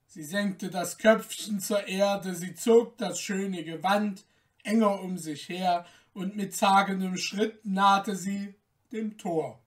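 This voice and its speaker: Slow, gentle male storyteller. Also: sits high, distant mic. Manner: calm, gentle, measured storytelling. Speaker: storyteller, podcast host. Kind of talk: fairy tale reading.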